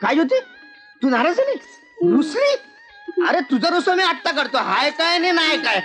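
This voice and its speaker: Film role: a mocking young husband, sarcastic, high-pitched, faint music behind. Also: male voice, big pitch swings, moderate pace, fairly bright tone, exaggerated voice. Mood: taunting. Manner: taunting, sarcastic. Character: scheming young husband avenging his sister, mocking. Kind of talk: film acting.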